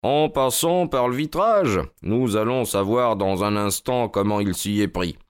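A man voicing an eager, commanding male detective who speaks briskly and urgently. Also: fairly low pitch, clean tone, lightly acted.

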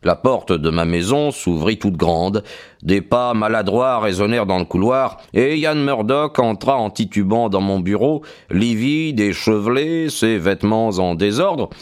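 A man giving measured scripted narration of a detective audiobook. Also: on the low side, animated.

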